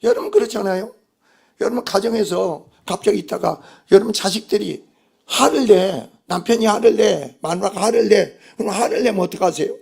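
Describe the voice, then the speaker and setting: Gravelly, husky male pastor preaching. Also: sits high, expressive, moderate pace, a little mellow. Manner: emphatic, asks the congregation rhetorical questions. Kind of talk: sermon.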